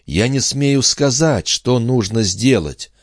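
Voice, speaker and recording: A man's voice: medium pitch, expressive, takes it slowly, no echo, clean studio sound, pitched above the performer's own voice. A man voicing a fretful young country girl. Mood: anxious. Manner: pleading, fretful, shifting to whispers.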